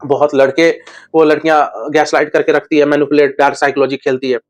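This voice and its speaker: A man's voice: fairly high pitch, flat delivery, a little fast, faint music behind. A man giving relationship advice in a casual monologue, blunt and slangy with crude humor.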